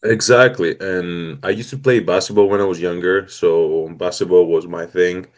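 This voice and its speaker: This guest athlete is a man in his twenties from Greece, with a Greek accent and a low-pitched voice. His intonation stays fairly even at a normal speed as he shares his story, upbeat and earnest, in a relaxed interview.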